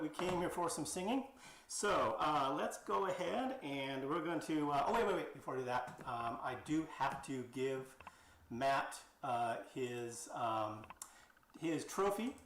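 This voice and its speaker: A man hosting an online singing festival in a chatty, halting way with many fillers. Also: a little high, a bit bright, roomy sound, slight background noise, rough recording. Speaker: festival host. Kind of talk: casual live-stream hosting.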